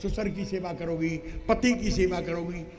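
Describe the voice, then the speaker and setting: A man playing a saint who tells a lively parable, acting out a crying child, and gently refuses a request. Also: high voice, normal speed, music in the background, close to an everyday voice. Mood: admonishing. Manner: animated storyteller, acts out voices. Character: wise saint, storytelling elder. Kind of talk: folk stage play.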